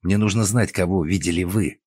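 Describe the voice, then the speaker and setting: A man voicing a calm, persistent male investigator who speaks in a measured way, with a husky voice. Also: low voice, no room sound, clean studio sound.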